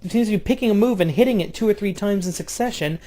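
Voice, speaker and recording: Speaking fast, a man gives casual play-by-play of a video game wrestling match, swinging between loud outbursts and low, offhand asides laced with swearing.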